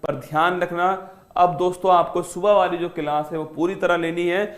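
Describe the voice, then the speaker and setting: A man's voice: high voice, level tone, normal speed. A male exam-prep teacher closing an online class, coaxing and motivating his students like friends.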